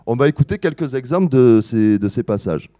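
A man giving an academic lecture to a live audience, explaining his analysis step by step, pausing with fillers and correcting himself. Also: mid-range voice, expressive, heavy background noise. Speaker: musicology lecturer.

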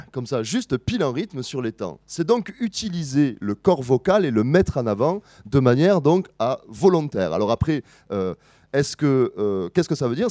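Lively-pitched French-speaking male lecturer. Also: no room sound, studio quality. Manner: explanatory, pauses with fillers and self-corrections. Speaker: musicology lecturer. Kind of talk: academic presentation to a live audience.

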